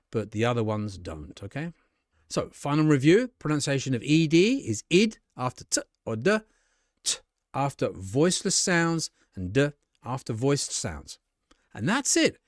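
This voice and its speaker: A man with a British English accent teaching pronunciation, slowly modeling example words and often checking "okay?". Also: mid-range voice, no room sound, studio quality. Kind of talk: explanatory lesson.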